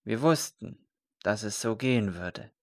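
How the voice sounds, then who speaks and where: A man reading a story aloud, voicing a calm, solemn male religious leader who speaks quietly and earnestly. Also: lowish voice, measured pace.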